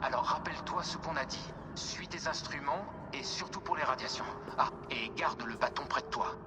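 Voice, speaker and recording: An actor playing a casual, wry tech teammate guiding an explorer by radio in a video game, explaining things naturally. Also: male voice, normal speed, natural voice. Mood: attentive, cautioning. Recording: loud music and engine rumble behind.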